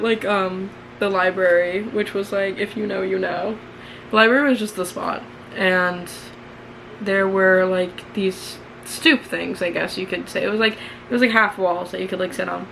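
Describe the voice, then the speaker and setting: A young American vlogger from New York, in her early twenties, reads her old diary aloud with candid, slightly embarrassed energy and chatty, sweary, self-mocking asides. Her voice is medium-pitched, a bit bright and fairly even, at a normal pace, over clearly noisy room ambience.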